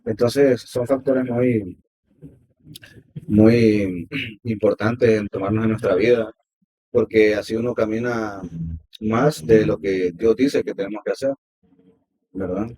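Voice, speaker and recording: A man, hosting a podcast interview with steady agreeing replies. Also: lowish voice, slow pace, pauses often, slightly rough, poor audio. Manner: affirming, frequent "ujú" backchannel. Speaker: podcast host. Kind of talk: casual interview talk.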